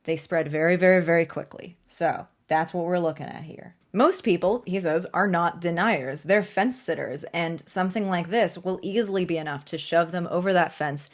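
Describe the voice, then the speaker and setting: A young woman talks through climate news in a casual vlog. Her voice sits a little low, and she speaks in a chatty, sarcastic way full of fillers and quick asides. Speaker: climate video creator. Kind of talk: casual explanatory vlog talk.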